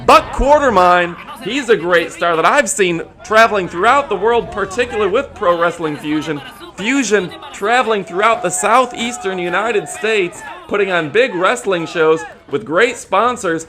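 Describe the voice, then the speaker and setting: High-pitched man calling lucha libre wrestling. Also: expressive, moderate pace, pushed and bright, a faint crowd. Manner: hyped promotional announcing with dramatic exclamations. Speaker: wrestling commentator.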